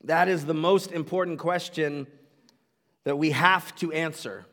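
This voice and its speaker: A man preaching from the pulpit, with a voice sitting a little high for a man. He talks earnestly, stumbles into restarts and repeats, then swells into loud, emphatic declarations. His voice carries a long reverb, as if filling a big sanctuary. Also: fairly even intonation, unhurried. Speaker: pastor. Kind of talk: sermon.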